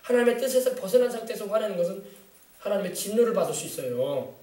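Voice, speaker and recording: A man preaches with quick, urgent emphasis, prodding his listeners with rhetorical questions. His voice sits high for a man and rings through an echoey sanctuary. He is heard from some distance from the mic. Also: sing-song, mellow. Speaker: pastor. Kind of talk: sermon. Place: church sanctuary. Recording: echoey church from far off.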